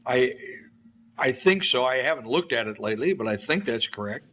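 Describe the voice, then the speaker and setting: Bright-voiced male witness under cross examination. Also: mid-range voice, animated, moderate pace, muffled recording, a little hiss or hum. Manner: brief, guarded, agreeing answers. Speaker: expert witness.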